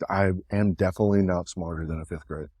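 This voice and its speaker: Low-voiced man telling a rambling story. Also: steady tone, quick pace, a little mellow, dry recording, clean studio sound. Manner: meandering anecdotal storytelling. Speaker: co-host. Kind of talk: casual podcast chat.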